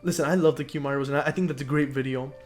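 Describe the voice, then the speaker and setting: A man's voice: medium pitch, fairly even intonation, rapid-fire, faint music behind. A young man co-hosting a casual podcast, rambling with lots of fillers and restarts. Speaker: podcast co-host and YouTuber. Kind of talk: casual chat.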